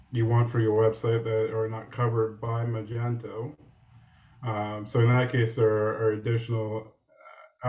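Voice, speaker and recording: A male guest developer answering interview questions casually, pausing often with fillers. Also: on the low side. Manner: hesitant, many fillers. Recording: distant, roomy, muffled remote audio.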